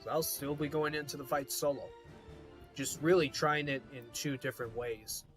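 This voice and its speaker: A man gives casual game commentary in a medium-pitched voice. He rambles and repeats himself as he explains, with faint music in the background. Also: steady tone, moderate pace, fairly bright tone. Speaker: gaming video host.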